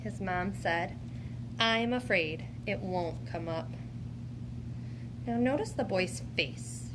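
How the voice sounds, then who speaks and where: Demonstrating an interactive read-aloud, a woman teacher talks slowly in a mid-range voice. She encourages and questions a child as she goes, with clear background noise in the recording.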